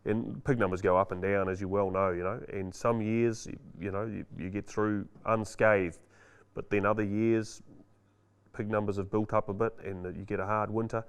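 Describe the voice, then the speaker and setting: A man's voice: fairly low pitch, level tone, normal speed, clear, resonant tone. A male farmer with a broad New Zealand Kiwi accent, explaining things casually in a matter-of-fact, laconic way. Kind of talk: casual explanatory talk to camera.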